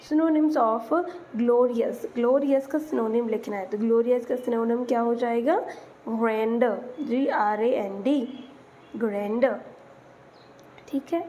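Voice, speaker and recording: High-voiced patient woman teacher. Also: mellow, slight background noise. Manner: patient, explains English words in Hindi and spells them letter by letter. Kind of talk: exam-prep lesson explanation.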